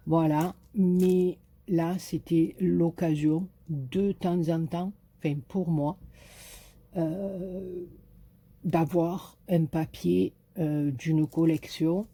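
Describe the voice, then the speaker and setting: In a very slow, steady voice that is fairly low, mellow, and slightly rough, a southern French woman with a Marseille accent presents a craft haul. She chats casually with hesitation and plenty of fillers, clearly excited by the paper designs.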